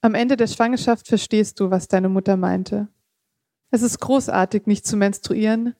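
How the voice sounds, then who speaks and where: A woman reads her own literary prose aloud, measured and steady, now and then slipping and correcting herself. Her voice is mellow and warm rather than bright. The sound is dry and close, with no room echo. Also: medium pitch. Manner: measured reading with occasional slips and casual asides. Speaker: author reading her own text.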